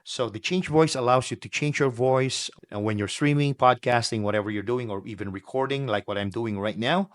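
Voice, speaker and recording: A man's voice: mid-range voice, fairly quick, few pauses, dry recording, clean studio sound. A man demonstrating a product step by step. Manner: plain step-by-step explaining. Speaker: product reviewer. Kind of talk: product demo.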